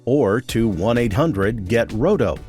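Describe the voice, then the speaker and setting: An American man delivers scripted narration for a corporate training video. His voice sits at a medium pitch and moves in a very lively way, with music playing behind him. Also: slow.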